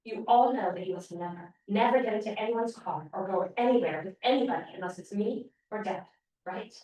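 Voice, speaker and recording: A woman's voice: medium pitch, brisk, dark tone, natural voice. A woman reading the lines of a stern, worried mother who firmly warns her daughters. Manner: firm, insistent warning. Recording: very echoey room, voice far from mic.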